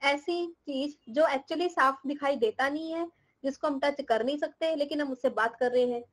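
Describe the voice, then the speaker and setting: A woman's voice: sits high, normal speed, poor audio. A young woman teaching a class, explaining terms, teasing and scolding her students with questions and laughing often. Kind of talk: live class lecture in Hindi mixed with English.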